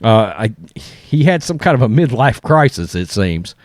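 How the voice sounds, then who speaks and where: A man's voice: mid-range voice, sing-song, a little slow, dry recording, studio quality. A man hosting casual sports commentary, speaking bluntly and conversationally as he reads and reacts. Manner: blunt, conversational, often tags points with "okay?". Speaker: sports commentary video host. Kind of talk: casual opinion commentary, reading and reacting to articles.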